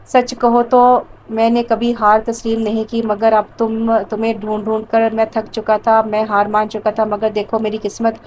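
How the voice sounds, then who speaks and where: A woman's voice: on the high side, monotone, few pauses, a little mellow, a little hiss or hum, natural voice, low-quality recording. A woman voicing a threatening young man, a vengeful stalker villain in an audio novel. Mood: menacing. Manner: threatening, overbearing.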